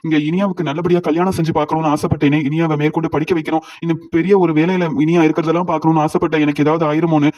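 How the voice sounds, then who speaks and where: A man's voice: on the high side, little pitch movement, very fast, hardly any pauses, darkish tone, lightly acted. A man voicing a middle-aged husband who pleads apologetically. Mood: apologetic. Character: repentant middle-aged husband, weak after illness. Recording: dull lo-fi audio.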